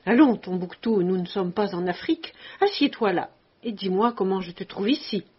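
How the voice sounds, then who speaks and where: A woman voicing a composed, stern but kindly male army commandant who tells his story in a measured way, on a dull lo-fi recording. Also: medium pitch, animated, slightly rough.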